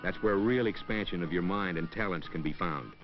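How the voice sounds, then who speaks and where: A man whose voice sits low reads scripted narration for an educational film from the 1960s, moving fairly quickly. He spins it wryly, echoing hip slang. The sound is a dull, old 1960s soundtrack with background music.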